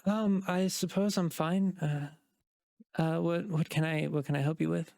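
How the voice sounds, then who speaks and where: A man voicing a sleepy, slender young male elf shopkeeper who talks in a halting, hesitant way. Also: a little high, fairly even intonation, creaky, darkish tone, no echo. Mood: drowsy. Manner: hesitant and halting, full of ums.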